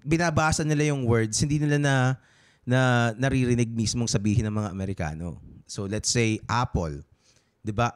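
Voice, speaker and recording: Speaking briskly in a mid-range voice, a Filipino-accented man co-hosts a podcast. It's casual chat that wanders and stalls, with lots of fillers and restarts, and he switches back and forth between English and Tagalog.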